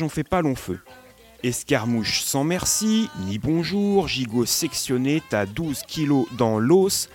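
A man reciting rhythmic spoken-word poetry in clipped, short bursts of wordplay. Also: medium pitch.

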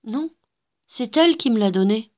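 Antonella, a shrill eager little girl, as a woman reader voices her. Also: animated, moderate pace, lightly acted. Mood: earnest.

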